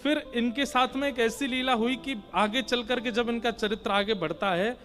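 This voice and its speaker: A man preaching a devotional story-sermon, acting out the characters in raised voices and breaking into slow sung lines. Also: very high voice, fairly bright tone. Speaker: Bhagavat katha preacher.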